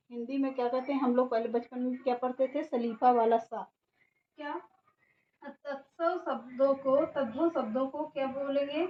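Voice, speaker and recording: A woman teaching a grammar lesson who keeps asking questions and answering them herself. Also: sits high. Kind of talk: classroom lesson. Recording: echoey room, dull sound, faint background noise.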